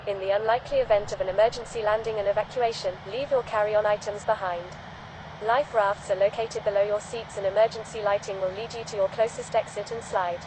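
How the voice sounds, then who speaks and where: A woman reading scripted cabin announcements as a flight attendant in a calm, formal, measured way. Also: mid-range voice, noisy background.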